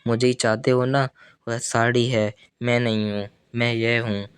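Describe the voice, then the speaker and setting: A man's voice: medium pitch, level tone, a little slow, clean tone, dry recording, studio quality, lightly acted. A man reading the part of a young married woman, bold and intense, in an audiobook, with an earnest, insistent delivery.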